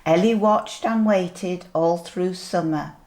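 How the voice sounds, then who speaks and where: Slow-reading sweet older woman, grandmotherly storyteller. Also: lowish voice, darkish tone. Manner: slow, deliberate storytelling with asides. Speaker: grandmother reading a picture book. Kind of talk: storybook read-aloud to young children.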